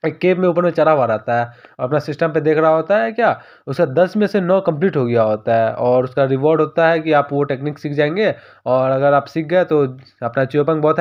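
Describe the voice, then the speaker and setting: Fast-talking man recapping a story. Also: a little high, highs cut off. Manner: rapid, informal retelling with frequent restarts. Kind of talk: casual story recap narration.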